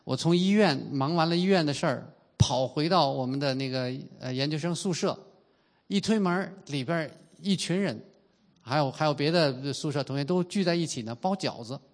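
A man in his fifties preaching a sermon in an earnest way, slowing down and stretching out the key phrases. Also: fairly high pitch. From China. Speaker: pastor.

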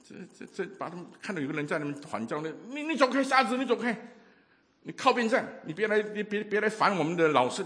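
A man preaching a sermon, telling a story with lively acted-out voices and many hesitations. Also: medium pitch, long reverb tail.

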